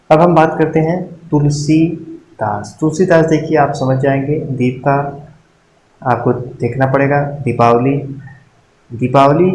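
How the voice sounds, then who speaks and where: A man's voice: mid-range voice, a little mellow. A man teaching a Hindi spelling lesson for exam preparation, explaining in a casual classroom way and often checking in with his listeners. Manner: repeats words slowly and checks in with frequent "ठीक है". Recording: echoey room with faint noise.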